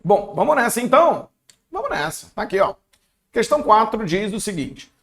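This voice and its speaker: A man's voice: sits high, big pitch swings, normal speed, fairly bright tone. A man teaching an exam-prep language lesson in a playful, chatty way, talking straight to his viewers.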